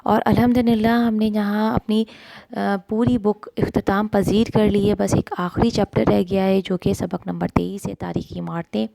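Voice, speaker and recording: Woman, tutor, mellow dark tone, gravelly, slow explaining with fillers. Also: mid-range voice, fairly even intonation. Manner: explains slowly with many fillers, mixes English words. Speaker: Urdu tutor. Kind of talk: online class lesson.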